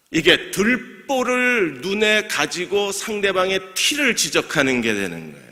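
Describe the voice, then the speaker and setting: Korean pastor preaching in a reverberant church. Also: male voice, high-pitched, pushed and bright. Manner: asks the congregation questions and answers them himself; jokes lightly and laughs with the congregation. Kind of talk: sermon. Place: church sanctuary. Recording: long church hall reverb.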